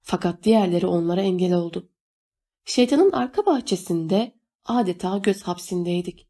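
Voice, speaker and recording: A woman reading a novel aloud as narrator, steady and measured. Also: fairly low pitch, breathy edge. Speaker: audiobook narrator. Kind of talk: scripted narration.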